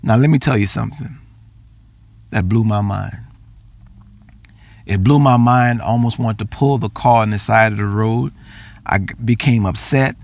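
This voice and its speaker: A man's voice: lowish voice, moderate pace, creaky, pauses often, no room sound. A middle-aged man telling a personal story in an earnest talk, repeating phrases for emphasis. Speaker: speaker.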